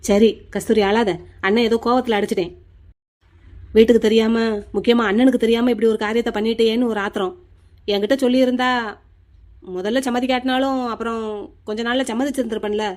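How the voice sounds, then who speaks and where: A remorseful elder brother in a cartoon, played by a woman with a raised, fairly high voice. He talks fast and loudly, gruff at first but softening into comfort. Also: steady tone, close to an everyday voice. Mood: stern.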